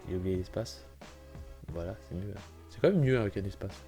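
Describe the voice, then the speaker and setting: With faint music in the background, a deep-voiced man talks a little fast in a mellow, animated way. The gaming YouTuber has a cold and keeps clearing his throat while casually walking through a computer-building game, correcting himself and apologizing a lot.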